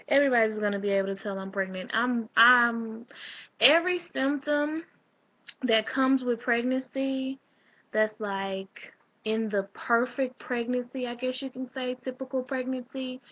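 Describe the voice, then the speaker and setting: A woman's voice: a little high, unhurried, lo-fi sound. A young woman, rambling casually in a late-night vlog, a little out of breath. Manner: rambling, chatty, with fillers and restarts. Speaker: vlogger.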